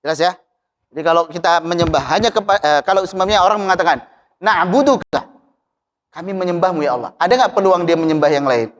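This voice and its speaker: A man teaching Quran recitation, chanting verses slowly and then explaining them patiently to his students. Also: high voice. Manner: slow melodic chanting of verses between explanations. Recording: long hall reverb.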